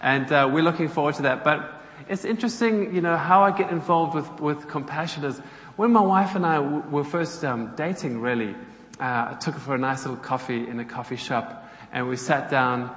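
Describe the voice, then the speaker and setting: Speaking on behalf of a charity, a South African man in his thirties addresses a congregation as a friendly guest preacher, keeping it chatty and posing questions to the audience. His fairly high voice is a bit bright at normal pace, with echoey, roomy church-hall sound and faint ambience.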